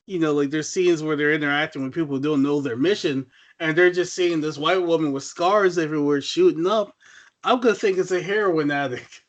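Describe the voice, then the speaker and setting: A man co-hosting a casual podcast, his voice sitting a touch high. He rambles about a film with fillers and restarts. He keeps breaking into playful acted-out lines. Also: brisk, dull audio. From Trinidad. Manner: animated, acts out scenes in mock voices. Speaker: podcast co-host. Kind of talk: casual movie review chat.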